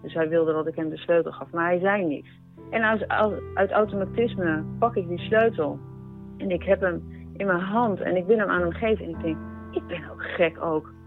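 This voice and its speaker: A woman recounts something that happened to her, in a halting, conversational testimony full of pauses and restarts. Her voice comes through a narrow, phone-like channel, with faint music underneath. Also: lowish voice. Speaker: storyteller recounting a personal experience.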